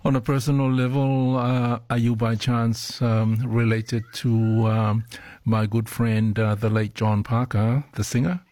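Guy hosting a radio show, lots of ums and pauses, dry close sound. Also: medium pitch, little pitch movement, a little mellow, dry recording. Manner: hesitant, many fillers and pauses. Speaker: radio program host. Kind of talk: radio interview.

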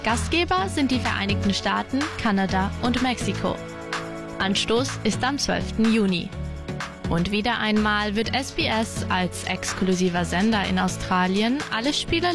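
A woman radio presenter reading a scripted introduction in a clear, measured way. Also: mid-range voice. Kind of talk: scripted narration. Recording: music bed underneath.

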